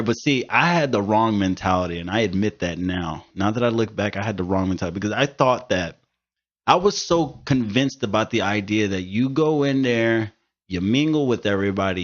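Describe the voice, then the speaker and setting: A man's voice: fairly low pitch, normal speed. Profane thirty-year-old man, lo-fi sound. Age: 30s. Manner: profane, emphatic storytelling. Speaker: podcast host. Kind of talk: casual podcast chat. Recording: dull lo-fi studio recording.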